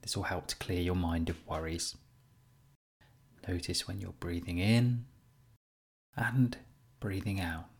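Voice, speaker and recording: A man leading a guided compassion meditation as a teacher, speaking in a gentle, soothing, unhurried way with pauses. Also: deep voice, fairly even intonation, a little hiss or hum.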